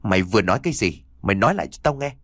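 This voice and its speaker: Man voicing a haughty mistress of a big house, curt commands, lively pitch, audiobook. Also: rapid-fire, dry recording, studio quality. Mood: commanding. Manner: sharp, commanding. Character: proud superstitious rich older woman.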